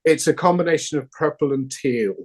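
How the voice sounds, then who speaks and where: A man's voice: a little high, a little fast, breathy edge. A man with a Northern Irish accent, a founding director answering interview questions thoughtfully, with hesitant fillers. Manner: thoughtful, many fillers and restarts.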